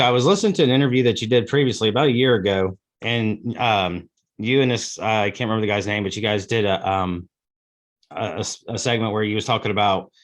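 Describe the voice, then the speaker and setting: A man hosting a music interview, asking questions and sharing memories in a relaxed, conversational way. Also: fairly low pitch. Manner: relaxed, conversational, says "you know" a lot. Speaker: interview host. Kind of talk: casual interview chat.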